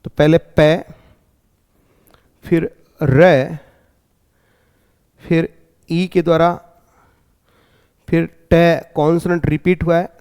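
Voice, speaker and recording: High-voiced Indian man teaching pronunciation. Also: steady tone, drawn-out words, long pauses, darkish tone. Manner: explains step by step, checks in with 'clear?'. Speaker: English teacher. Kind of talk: exam-prep lesson.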